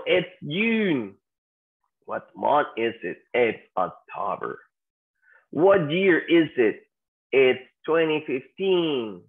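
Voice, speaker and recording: Slow, lively-pitched male teacher over tinny audio. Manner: patient, repeats example phrases slowly for drilling; asks the class questions and prompts them to answer. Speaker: English teacher. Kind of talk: classroom language lesson.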